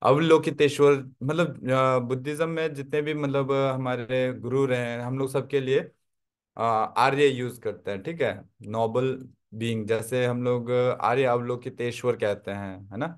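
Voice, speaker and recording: A man's voice: mid-range voice, fairly even intonation, measured pace, clean tone. A man teaching a Tibetan script class online, explaining step by step and often checking that his listeners follow. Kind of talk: online language lesson.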